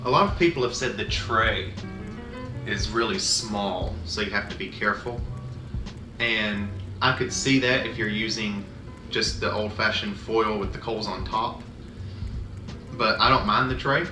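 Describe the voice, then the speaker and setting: Low-voiced man, distant from the mic. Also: unhurried. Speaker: co-reviewer. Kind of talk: casual product review chat. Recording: distant mic, roomy echo, music behind. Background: music.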